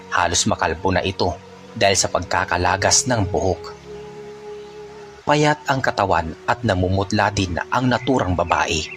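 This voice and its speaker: A man narrating a folk tale in a steady, unhurried storytelling manner. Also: low voice.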